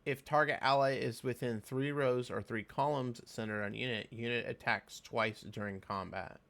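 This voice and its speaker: A man giving casual reaction commentary on a game, reading skill text aloud and thinking out loud with fillers. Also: medium pitch, fairly even intonation, moderate pace, creaky. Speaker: game video creator.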